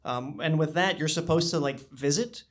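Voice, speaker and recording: A young man doing a stand-up comedy set in a small club, talking into a handheld microphone with a dry, understated delivery and halting restarts. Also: a little high, noisy background. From born in China, raised in the US. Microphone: handheld stage microphone.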